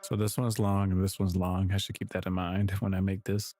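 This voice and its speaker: This streaming music producer talks to himself a little fast in a low, level-toned voice while working on samples. It's casual commentary, rambling along as he corrects himself and lets out small chuckles.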